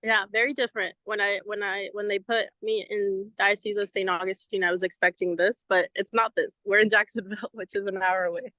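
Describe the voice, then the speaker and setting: A Venezuelan woman in her twenties, a member of a ministry program, is interviewed as a guest outdoors in front of a cathedral. She's chatty and friendly, saying um and like a lot, in a mid-range, steady voice that is pushed and bright. She talks fairly quickly with hardly any pauses, and the recording is dry and low in quality.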